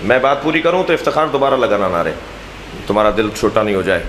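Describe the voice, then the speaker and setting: A man with a Pakistani Urdu accent, preaching an impassioned sermon to a gathering, swinging between loud declamation and low, earnest speech. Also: sing-song, very noisy. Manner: oratorical, rising to loud declamation then dropping low. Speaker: Shia cleric addressing a majlis. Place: large imambargah hall. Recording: echoey hall with long reverb.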